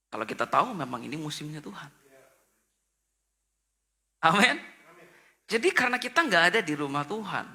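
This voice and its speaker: A male pastor giving a sermon at an online church service, telling stories in an animated way and acting out characters with sudden high exclamations. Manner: mixes in English phrases.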